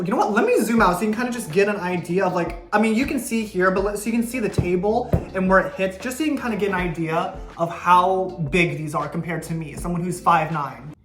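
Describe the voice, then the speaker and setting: A woman YouTuber chatting excitedly through a casual unboxing vlog, her voice bouncing around a kitchen in a heavy echo. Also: fairly low pitch. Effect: heavy room echo. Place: kitchen indoors. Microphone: camera mic, no clip-on. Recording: echoey kitchen with faint music.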